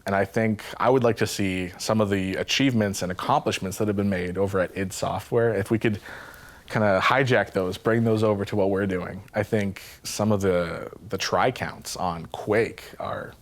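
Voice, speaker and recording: An actor playing an earnest 3D artist in a mockumentary interview, talking in a rambling, halting way. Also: male voice, fairly low pitch, steady tone, lightly acted. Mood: wistful. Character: earnest, wistful male 3D tree artist. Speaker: 3D artist in a game studio.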